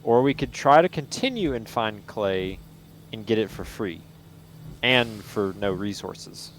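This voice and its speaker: A man's voice: lowish voice, lively intonation, measured pace, slight background noise. A man chatting casually while playing a game with a friend, laid-back and a little hesitant. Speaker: co-player. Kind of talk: casual gameplay chat.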